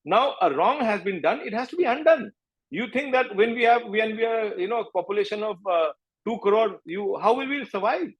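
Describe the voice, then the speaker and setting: High-voiced Indian man, emphatic. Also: expressive, normal speed, husky, muffled recording. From Manipur, northeast India. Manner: emphatic, repeats points, slips into Hindi phrases. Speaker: interview guest, advocate. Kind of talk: impassioned political interview talk.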